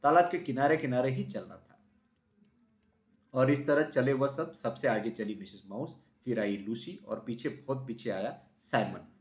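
A man telling a children's story aloud with expressive storytelling. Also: medium pitch, a little slow. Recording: roomy echo.

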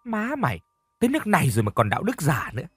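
A man's voice: a little high, huge pitch swings, racing, a bit bright, slightly rough, pitched above the performer's own voice, exaggerated voice. A man voicing a harsh, bossy older aunt who scolds and mocks her niece in a told story. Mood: furious.

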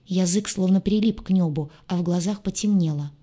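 A woman reading a novel aloud in the first person, with a wry, expressive delivery. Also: fairly low pitch, fairly quick. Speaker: audiobook narrator. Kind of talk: first-person audiobook narration.

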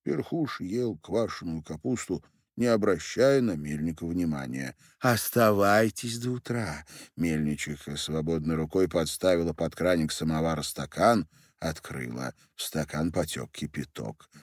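A man's voice: very deep voice, normal speed, a little mellow, no echo, studio quality. A man narrating a literary audiobook expressively, doing voices for the characters.

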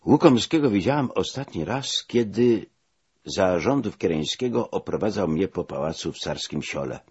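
A deep-voiced man with a very husky, rough tone reads a first-person memoir, his pitch rising and falling in a lively way. The sound is dull and lo-fi, as in an old audiobook transfer. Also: moderate pace. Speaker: audiobook reader.

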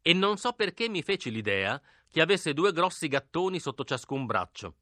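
Bright-voiced male audiobook narrator. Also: fairly high pitch, moderate pace, dry recording, studio quality. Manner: expressive, hushed in the whispered dialogue. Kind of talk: literary audiobook reading.

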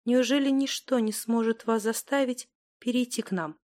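A young woman caught between love and loyalty, soft-spoken and quietly pleading, as a woman reading the story puts her on. Her words come gentle and low, a storybook heroine holding herself together. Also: normal speed, natural voice.

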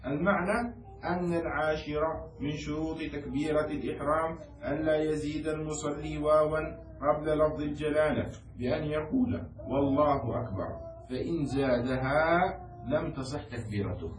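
A man's voice: a little high, normal speed. A man teaching Islamic law to a class, explaining a text and often checking that his students follow. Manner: quizzes students and has them repeat words. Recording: echoey room, distant mic, faint noise.

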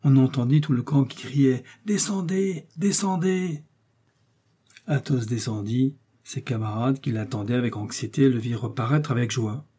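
A man narrating a classic novel as an audiobook in a steady, even storytelling manner. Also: mid-range voice, normal speed, few pauses, breathy edge.

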